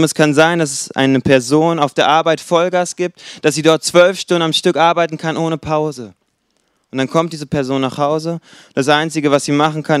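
A man preaching a sermon, lively and acting out the people he describes in short quoted bits. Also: a little high, clear, resonant tone, no echo, clean studio sound. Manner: lively, acts out quoted voices.

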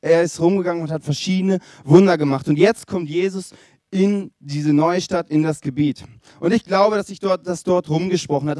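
A young man preaching a sermon in a lively, conversational storytelling way, asking his listeners direct questions. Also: sits high.

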